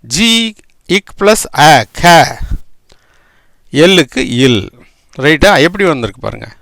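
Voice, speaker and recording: A man's voice: fairly high pitch, very animated, slow pace, gravelly, fairly bright tone, no room sound, clean studio sound. A man teaching English spelling and pronunciation, spelling words out letter by letter and often checking with "right?".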